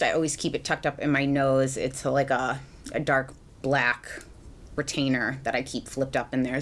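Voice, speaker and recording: In a very deep voice with a fairly bright tone, a young adult woman from Massachusetts rambles through her makeup routine. She's a beauty vlogger doing a casual get-ready-with-me chat, full of ums and likes.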